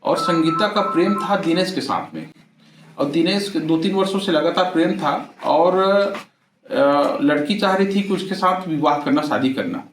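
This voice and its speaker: A middle-aged man, a police officer, gives a measured, halting press statement with frequent pauses. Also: on the high side. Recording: echoey, distant mic, faint background noise.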